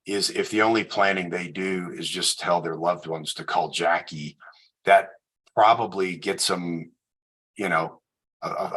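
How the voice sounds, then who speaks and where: Male podcast host, very deep and husky, encouraging interviewer. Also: a bit bright. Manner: brief encouraging backchannels and questions.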